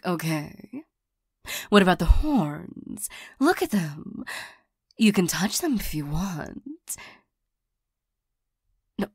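Woman playing a slow, soft-spoken demon seductress. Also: fairly low pitch, breathy edge, dry recording, clean studio sound, heavily acted. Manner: slow, coaxing, teasing. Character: flirtatious, lonely female demon, coaxing and easily irritated. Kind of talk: ASMR role-play. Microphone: close microphone.

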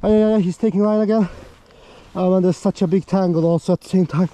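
Excited man, breathless, outdoors on the ice, high voice, bright and forceful tone. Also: fast. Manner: excitable, breathless, talks to viewers as guys. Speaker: fishing vlogger. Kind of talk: excited live commentary while ice fishing. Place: outdoors on a frozen lake.

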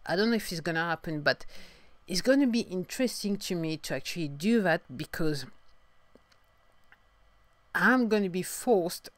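A young adult woman from France with a French accent, talking through a casual podcast monologue in halting sentences full of restarts and fillers. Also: fairly low pitch, expressive, dry recording. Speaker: podcast host, singer-songwriter.

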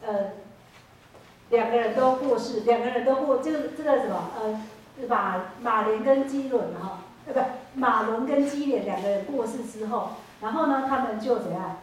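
A woman's voice: a little high, normal speed, a little hiss or hum. A woman with a Taiwanese Mandarin accent preaching a sermon, retelling a Bible story with many rhetorical questions and hesitant self-corrections. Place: church hall. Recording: echoey hall, distant mic.

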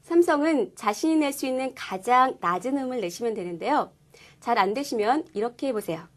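Brief: woman lesson host, high voice, patient, clear explainer. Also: lively intonation, brisk. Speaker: Korean-speaking Chinese language teacher. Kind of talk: scripted lesson presentation.

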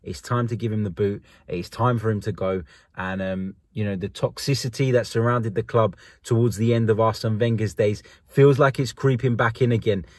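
A young man hosting a post-match video reaction, ranting bluntly and with frustration from a dark car at night, filming on a phone held close. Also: on the low side, steady tone, no room sound. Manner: frustrated, blunt, rapid opinion rant. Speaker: host.

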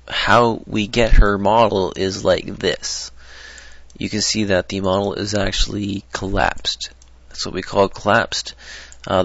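On a desktop mic, a man rambles through a casual screen-recorded modding tutorial, hesitating with lots of ums and restarts. His voice is lowish and gravelly with a fairly bright tone. The recording is dry with no echo, sounding dull and lo-fi.

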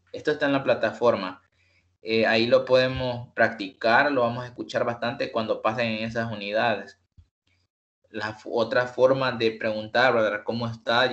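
Teaching an online English class over a video call, a man patiently and slowly explains numbers, mixing English examples into his talk. His voice is medium-pitched and fairly bright, and the sound is lo-fi.

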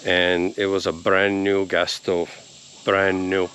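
This man in his fifties, originally from Italy, speaks to camera outdoors on his rural land with the phone held out at arm's length, a homesteading vlogger in a casual vlog. The voice is deep and low yet fairly bright, delivered in a slow monotone with easygoing rambling and many ums. Faint outdoor hiss sits beneath it.

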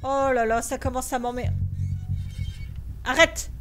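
A woman's voice: high voice, unhurried, music in the background. A woman streaming a horror game in live commentary, jumpy and easily irritated, swearing and talking to herself with English words mixed in.

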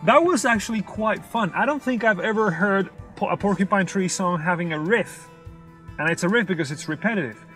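Young male reaction vlogger, high voice, non-native English, animated but halting as he searches for words. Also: soft background music. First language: not English. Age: young adult. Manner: expressive, sings out rhythms in syllables. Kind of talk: casual off-the-cuff music commentary. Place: inside a parked car in daylight.

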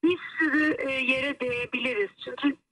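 Woman on a speakerphone line, high and bright. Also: steady tone. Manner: earnest, halting, with many fillers. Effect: heard over the phone on a loudspeaker. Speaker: guest calling in. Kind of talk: live phone interview. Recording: distant phone audio through a speaker.

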